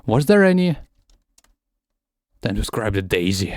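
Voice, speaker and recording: This man, a native Russian speaker, chats casually on a game stream, moving between English and Russian and frequently tripping over and repeating words. His lowish, darkish voice has a sing-song, unhurried quality, and the recording is dry.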